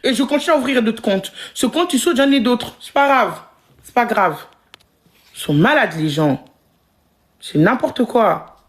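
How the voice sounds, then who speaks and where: A woman's voice: a little high, lively intonation, unhurried, long pauses. A woman livestreamer in a heated, repetitive, confrontational rant, full of slang, talking straight at her viewers. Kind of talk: angry live-stream rant.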